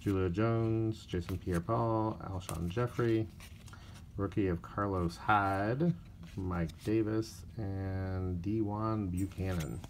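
Card packs get opened on camera by a man whose fairly low voice sounds a little tired as he casually comments, listing player names in an unhurried, flat way. A little hiss or hum runs through the audio, alongside crinkling wrappers and card clicks.

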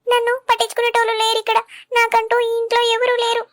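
A woman's voice: extremely high pitch, monotone, fast talker, no echo, clean studio sound. A woman playing a sulky, easily hurt young wife, complaining and pleading in Telangana Telugu.

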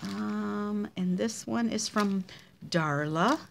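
A woman's voice: medium pitch, slow pace, vocal fry, slight background noise. A woman casually showing handmade cards in a craft vlog, chatty and gushing over each one. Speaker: craft demonstrator showing card swaps.

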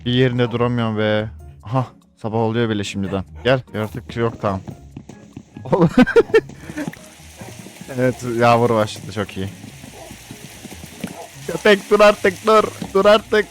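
A young man with a Turkish accent giving excitable Minecraft let's play commentary, often jumping up in pitch as he shouts at his dog. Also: moderate pace, pauses often. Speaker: gaming YouTuber. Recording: faint game music behind.

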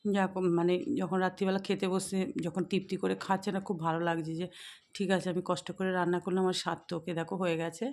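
A woman narrating a home cooking vlog as a voice-over, speaking softly and slowly, tired and weak, with chatty asides to her viewers. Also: lowish voice, flat delivery. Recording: echoey room, faint background noise.

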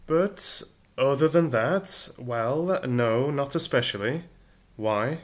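A man's voice: mid-range voice, lively intonation, slow pace, voice pushed up. A man reading a storybook voices a flustered, indignant Englishman lying in the mud, speaking in sarcastic, exasperated bursts.

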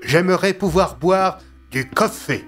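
A man's voice: high-pitched, expressive, measured pace, a bit bright, faint music behind, voice pushed up. A man doing a cheeky old Dokipa. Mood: teasing.

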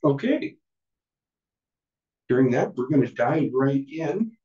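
A man giving a casual technical presentation to a user group. He talks haltingly, with many fillers and self-deprecating asides. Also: mid-range voice, sing-song. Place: meeting room with an audience. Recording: distant, roomy, dull room recording.

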